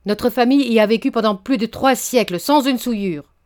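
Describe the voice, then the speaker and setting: A woman's voice: mid-range voice, brisk, darkish tone, lightly acted. Storybook old baron, proud and stern, scolding; woman reader performs him. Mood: indignant. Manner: indignant, stammering then thundering.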